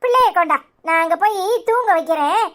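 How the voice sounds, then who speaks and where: A woman's voice: very high-pitched, animated, brisk, fairly bright tone. A woman voicing a caring but bossy older mother-in-law in a cartoon, fussing with a Tirunelveli Tamil accent. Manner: fussing, instructing.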